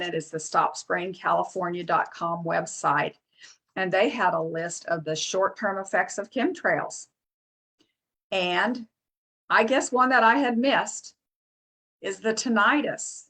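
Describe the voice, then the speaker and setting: A woman presenting a product in a casual, halting way, with many fillers and restarts, reading lists off a screen. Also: fairly low pitch, a bit bright. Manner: reads lists aloud off a screen.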